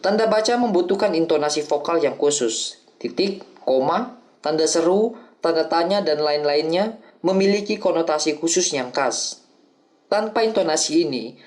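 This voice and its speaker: A man reading the lines of an older male acting teacher who explains things calmly and patiently in an audiobook. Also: a little high, natural voice. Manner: calm, explanatory lecturing.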